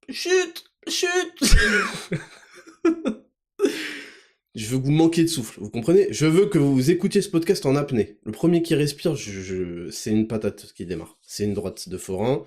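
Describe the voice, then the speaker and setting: A man hosting a podcast in a comedic monologue, teasing and mock-angry with sudden shouts. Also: medium pitch. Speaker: podcast host.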